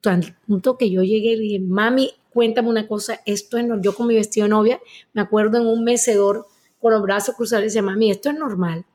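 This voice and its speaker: A woman's voice: medium pitch, brisk. A Colombian woman in her sixties, a guest telling a wedding story in casual chat, acting out the people she quotes. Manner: animated anecdote teller, acts out quoted voices.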